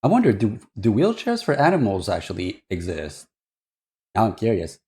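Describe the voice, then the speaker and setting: A man's voice: fairly low pitch, huge pitch swings, normal speed, darkish tone. A man chatting casually as a reacting streamer, rambling and hesitant as he thinks aloud. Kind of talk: casual livestream reaction chat.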